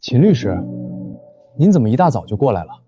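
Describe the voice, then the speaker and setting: Polite official, very dark voice. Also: male voice, mid-range voice, sing-song, a little fast, husky, dull audio, soft background music. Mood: courteous, inquiring. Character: polite official receiving a lawyer about a case. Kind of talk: short-drama acting.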